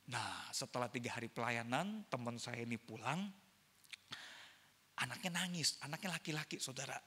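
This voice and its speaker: A male evangelist giving a parenting seminar sermon, telling stories in a lively way and often calling the audience "saudara". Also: mid-range voice, in a large hall. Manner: animated storytelling, addresses audience as "saudara". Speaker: evangelist speaker. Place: church seminar hall.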